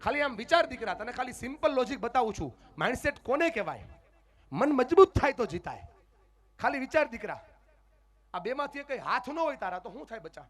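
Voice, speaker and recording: A man giving a motivational speech to parents and pupils, dropping to a hush and then rising loud. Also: very high voice, very animated, fairly quick. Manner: dramatic, swings from hushed to loud, addresses parents and pupils directly. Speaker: motivational speaker at a school event. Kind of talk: motivational speech with acted-out stories.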